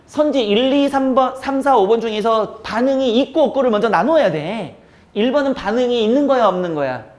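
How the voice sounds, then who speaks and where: A male teacher lecturing a live classroom. He teases and scolds his students between explanations and keeps firing quick questions at them. Now and then he breaks into a squeaky voice to act out how they would react. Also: darkish tone. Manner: teasing, scolding banter with students.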